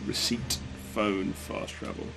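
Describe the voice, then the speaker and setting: Low-voiced man chatting casually over game noise. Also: huge pitch swings, takes it slowly, vocal fry. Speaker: game speedrun streamer. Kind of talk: casual live gameplay chat. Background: game sound and ambience.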